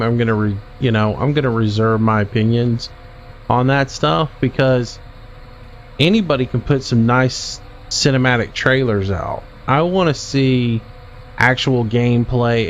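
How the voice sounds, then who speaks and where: A man streaming a game and casually answering chat questions in a relaxed, drawling way. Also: mid-range voice. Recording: dull lo-fi stream audio with faint vehicle noise.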